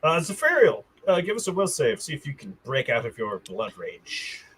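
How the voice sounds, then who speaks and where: Bright, lively game master man. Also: mid-range voice. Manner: halting, full of fillers and restarts. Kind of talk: narrating a tabletop game.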